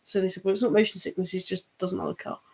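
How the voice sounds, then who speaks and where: Woman, livestream co-host, chatty and giggly, some vocal fry. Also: mid-range voice, little pitch movement, fast talker. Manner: chatty, giggly, trails off with fillers. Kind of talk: casual chat.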